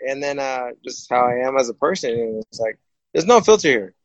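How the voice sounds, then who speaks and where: A man who is a boxer, telling stories as a guest in a casual, rambling and animated way, often repeating himself. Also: medium pitch, brisk, no echo, lo-fi sound. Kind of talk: casual storytelling. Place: studio set, live stream.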